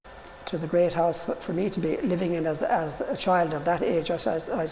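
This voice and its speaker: A man reminiscing informally in an interview, halting and repeating his words. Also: on the high side, darkish tone. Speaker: musician interviewee. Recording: noisy, reverberant room.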